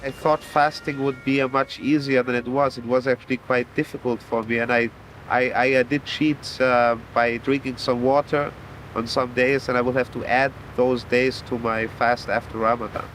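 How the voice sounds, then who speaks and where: A man speaking candidly and haltingly in an interview outdoors by a boat. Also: mid-range voice, little pitch movement, fairly bright tone, slight background noise, poor audio.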